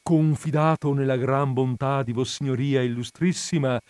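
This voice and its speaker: A man's voice: medium pitch, steady tone, normal speed, a little mellow, smooth, no echo, voice pushed up, natural voice. A man voicing a timid, fretful elderly village priest who scolds in a frightened hiss and fawns on his betters, in a dry recording. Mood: anxious, obsequious.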